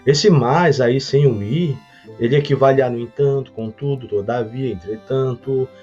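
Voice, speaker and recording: A Brazilian man teaching a recorded grammar lesson, explaining slowly with frequent hesitations and restarts. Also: medium pitch, a little mellow, breathy edge. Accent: Brazilian Portuguese. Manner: hesitant, many fillers and restarts; explanatory, reads example sentences slowly. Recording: dull lo-fi audio, faint guitar music.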